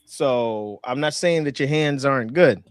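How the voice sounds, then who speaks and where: A man in his forties co-hosting a sports podcast, talking in a halting, emphatic way with lots of repeated words. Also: medium pitch, dry recording, studio quality. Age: 40s. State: out of breath. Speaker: podcast co-host and referee. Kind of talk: casual sports chat.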